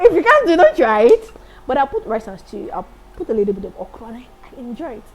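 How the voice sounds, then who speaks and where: A woman in her late thirties, a singer and accountant, chatting as an interview guest in a lively, enthusiastic way. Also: on the high side, fast talker, husky, low-quality recording. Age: 30s. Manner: lively, laughs often, enthusiastic. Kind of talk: casual interview chat.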